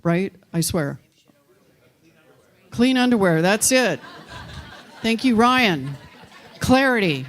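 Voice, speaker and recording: In a church hall, a woman minister leads a sharing circle, inviting her congregation to speak up in a casual, playful, encouraging way and joking with them. Her medium-pitched voice is animated, and she talks slowly with frequent pauses.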